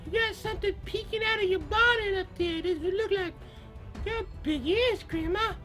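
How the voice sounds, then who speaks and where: A man's voice: very high voice, moderate pace, pushed and bright, faint music behind, pitched above the performer's own voice. A man voicing an innocent, plaintive little girl from a storybook. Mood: puzzled.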